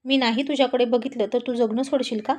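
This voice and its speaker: A woman voicing a playful, teasing husband in a told love story, in her own fairly high voice. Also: steady tone, fast, darkish tone, close to an everyday voice. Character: teasing affectionate husband, adult man.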